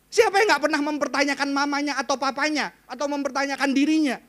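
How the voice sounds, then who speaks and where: A man preaches to a live congregation in a notably high voice. He talks like he's chatting, tosses questions at the crowd, and moves between soft asides and loud emphasis. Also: quick pace. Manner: conversational, quizzes the audience, swings between hushed and loud. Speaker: pastor. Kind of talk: sermon.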